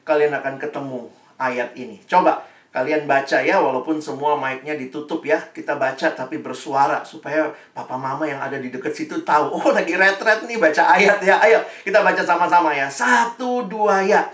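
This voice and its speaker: A man's voice: fairly high pitch, moderate pace. Guy preaching to kids, playful voices, sounds far from the mic in an echoey room. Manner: lively, acts out quoted voices, mixes English phrases. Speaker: youth speaker. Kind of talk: youth sermon to kids.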